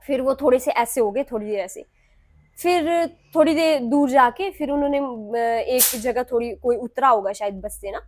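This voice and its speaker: A young adult woman from Himachal Pradesh, a guest on a talk show, telling a personal story in an animated way and acting out what others said. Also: sits high, moderate pace. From Himachal Pradesh, India. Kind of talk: recounting a personal story in an interview.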